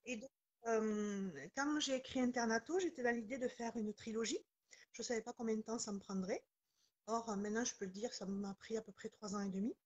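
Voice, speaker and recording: Casting note: woman in her 40s, southwestern French accent, husky, fairly high voice, chatty. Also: fairly even intonation, a little fast, highs cut off. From southwest France, near Toulouse. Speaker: guest author. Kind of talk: live-stream interview chat.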